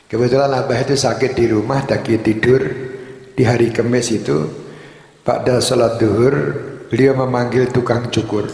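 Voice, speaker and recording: A man speaking calmly at a religious gathering, telling a story at an unhurried pace. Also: medium pitch, vocal fry. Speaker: religious singer and host of the gathering. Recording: echoey hall with long reverb.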